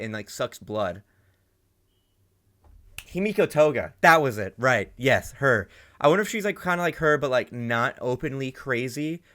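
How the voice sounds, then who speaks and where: A man with a medium-pitched voice hosts a casual reaction video, talking excitedly and swearing often. He thinks aloud, restarting his sentences again and again.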